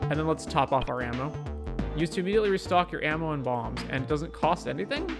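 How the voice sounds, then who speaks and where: A man's voice: a little high, very animated, fast talker, gravelly. A man streaming a game, chatting casually and thinking aloud as he plays. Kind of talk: casual let's play commentary. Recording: game music underneath.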